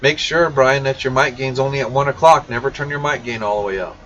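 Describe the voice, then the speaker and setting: The speaker is a man hosting a CB radio shop livestream, casually reading out viewer questions and speaking bluntly and informally to those watching. He talks quickly in a steady, medium-pitched, fairly bright voice. Sound is dull and distant with faint noise behind it.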